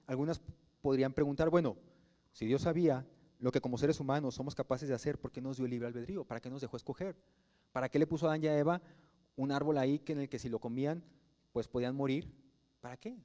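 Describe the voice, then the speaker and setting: His voice is warm and mellow, pitched slightly high for a man. This Mexican pastor gives his sermon conversationally and at ease, repeatedly putting rhetorical questions to the congregation.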